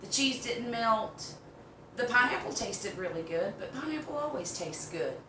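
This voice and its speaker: With a fairly high, expressive voice at an ordinary pace, an older Southern US woman rambles in a folksy, casual way while demonstrating home cooking. She's in her kitchen, and the recording is roomy, with the mic far off and background noise present.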